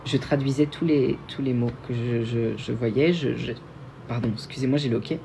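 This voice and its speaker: A man's voice: medium pitch, fairly even intonation, moderate pace, gravelly, dark tone, slight background noise. A young man from Belgium, hosting a casual livestream and answering viewer questions in a chatty, self-mocking way with frequent restarts. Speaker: livestream host.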